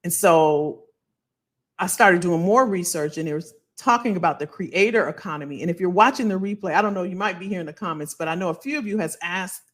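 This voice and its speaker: A woman hosting a casual livestream as a financial coach, animated and colloquial, repeating phrases for emphasis. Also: fairly low pitch. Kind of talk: casual livestream talk to viewers.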